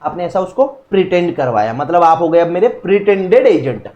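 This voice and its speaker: A young man with an Indian accent teaching a recorded law lecture in a lively, jokey way, acting out little dialogues between people. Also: high-pitched, fairly quick, roomy sound, highs cut off.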